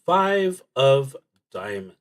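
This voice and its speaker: Talking himself through a solo roleplaying game on stream, a man reads out cards and often stalls or trails off as he puzzles things out. His mid-range voice has a sing-song lilt.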